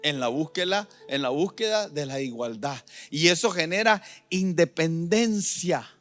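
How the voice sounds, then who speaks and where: A middle-aged man preaching a sermon as pastor in a church, moving between loud emphatic lines and quiet asides. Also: a little high, lively intonation, a little slow, soft background music.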